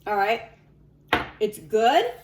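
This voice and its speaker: A woman's voice: a little high, sing-song, takes it slowly. A woman hosting a casual cooking video in a chatty, emphatic way, drawing out some of her phrases. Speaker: cooking show host. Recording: echoey room with faint background noise.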